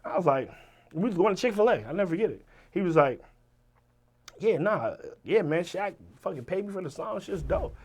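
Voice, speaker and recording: A man in his forties telling a story as an interview guest, profane and swinging from loud bursts to low mutters. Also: big pitch swings, brisk, breathy edge. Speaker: rapper guest. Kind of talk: animated storytelling.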